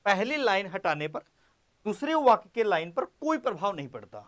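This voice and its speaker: High-voiced male teacher, playful. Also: very animated, a bit bright. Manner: repeats words slowly while writing on board; playful, addresses students directly. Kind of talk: classroom grammar lesson.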